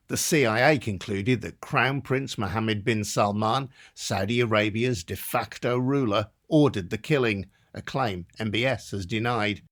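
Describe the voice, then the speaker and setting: A man hosting a news podcast, introducing the story and asking questions in a measured, journalistic way. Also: on the low side. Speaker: podcast host. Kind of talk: interview hosting.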